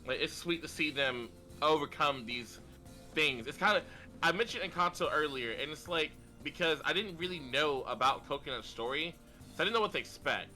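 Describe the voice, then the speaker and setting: Bright, lively young man chatting. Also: fairly high pitch. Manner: enthusiastic, rambling with "like". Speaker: stream collab guest. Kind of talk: casual chat while reading a visual novel.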